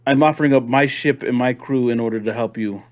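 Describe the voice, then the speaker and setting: A man's voice: mid-range voice, a little fast, darkish tone, close to an everyday voice. A man voicing a proud, easily offended lord who offers his ship and crew, speaking with haughty disdain. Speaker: game master voicing a character.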